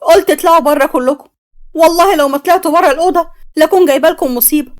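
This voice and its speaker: A defiant young bride with an Egyptian accent, sharp and angry, as a woman reading the story puts her on. Her voice is high, loud and quick. This is a spoken storybook. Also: lightly acted. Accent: Egyptian Arabic.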